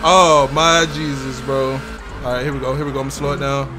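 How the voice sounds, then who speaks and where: A young man giving excitable, laugh-filled live commentary on his gameplay as a streamer, swearing often. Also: mid-range voice, brisk, noisy background. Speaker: gaming streamer.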